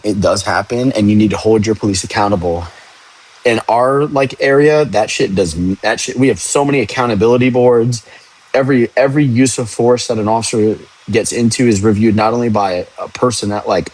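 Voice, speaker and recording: A young man who works as a police officer chats frankly on a livestream, answering viewers in a casual way. His voice is lowish and a little mellow, and he rambles and swears now and then. The recording quality is low.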